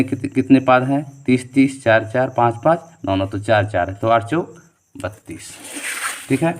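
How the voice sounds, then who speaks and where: A man teaching a coaching-class quiz lesson at an ordinary pitch. He reads out each question and its options, then talks through to the answer, filling pauses with small fillers. He repeats the key answers as quick questions and responses and hands out shortcuts for memorising. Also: a little mellow. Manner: frequent fillers like "theek hai" and "jo hai"; gives memory tricks and shortcuts. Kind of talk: exam-prep quiz lesson.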